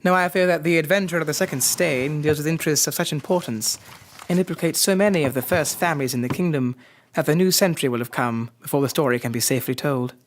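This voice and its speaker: An actor playing a genial, loyal Victorian gentleman doctor in an audio drama, speaking politely and in measured phrases. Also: fairly high pitch, close to an everyday voice. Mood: mild, measured.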